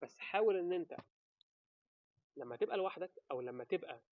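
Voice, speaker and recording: An Egyptian man with an Egyptian Arabic accent gives casual advice to camera, animated and talking straight to the viewer with quick rhetorical questions. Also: high voice, no echo, phone-quality sound. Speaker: vlogger giving advice.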